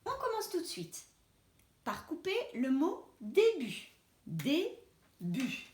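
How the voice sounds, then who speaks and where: A woman's voice: extremely high pitch, big pitch swings, takes it slowly, darkish tone, echoey room. A woman teacher giving a spelling lesson to children, patiently sounding out words syllable by syllable. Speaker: primary school teacher.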